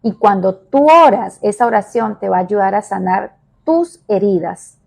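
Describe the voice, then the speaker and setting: A woman evangelist giving a devotional sermon, emphatic and repetitive, moving between soft and raised delivery. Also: mid-range voice, lively intonation, normal speed, vocal fry.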